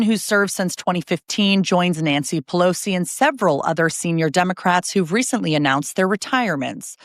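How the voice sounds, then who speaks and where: A woman in her thirties hosts a news podcast, reading scripted headlines brightly and conversationally with light asides. Her voice is on the low side, and the recording is studio quality with no room sound.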